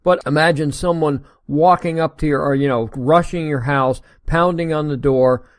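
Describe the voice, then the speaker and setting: This American podcast host, slightly high-pitched with a steady tone and moderate pace, reads an article aloud on his own. He breaks off between passages for sarcastic, indignant asides, captured in a dry, clean studio recording.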